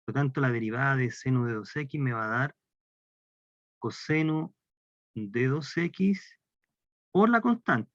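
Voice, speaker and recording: A man's voice: medium pitch, animated, unhurried, pauses often, no room sound. A man lecturing on calculus with a Chilean Spanish accent, explaining step by step and posing questions to the class. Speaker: math lecturer. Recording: dry, dull lo-fi lecture recording.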